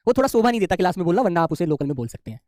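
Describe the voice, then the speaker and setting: A man's voice: high-pitched, big pitch swings, racing, darkish tone, no echo, clean studio sound. A man teaching an exam-prep class in a fatherly, coaxing way, often asking "hai na?" and calling his students beta. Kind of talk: online class lecture.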